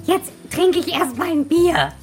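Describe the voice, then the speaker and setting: A woman voicing a cheeky little male dwarf with a high, squeaky voice and blunt, deadpan answers. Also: measured pace, soft background music, exaggerated voice. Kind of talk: comedy podcast sketch.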